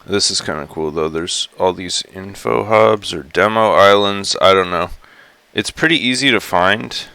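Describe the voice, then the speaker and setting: A man in a rough, gravelly morning voice, rambling chattily through a casual live stream with lots of fillers and restarts. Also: deep voice, a little slow, sharp tone, dry recording. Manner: rambling, chatty, many fillers and self-corrections. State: groggy just-woken morning voice. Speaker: live streamer exploring a virtual world.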